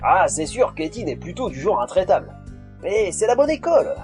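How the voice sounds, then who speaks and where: A man's voice: sits high, sing-song, normal speed, a little mellow. A man acting as a gleeful, chatty storyteller, narrating a fantasy audio saga in a theatrical, familiar way. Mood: gleeful, knowing. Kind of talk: dramatic scripted narration. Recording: music under the voice.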